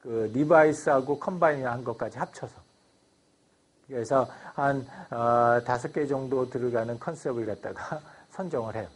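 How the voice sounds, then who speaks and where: A man's voice: medium pitch, moderate pace, slightly rough. Korean man lecturing with many fillers. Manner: explains step by step with many fillers and English loanwords. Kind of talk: university lecture.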